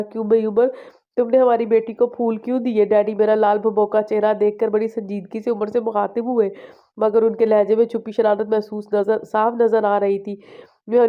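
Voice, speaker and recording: Flat-voiced woman reading a romance novel. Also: mid-range voice. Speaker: novel reader. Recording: dull lo-fi recording.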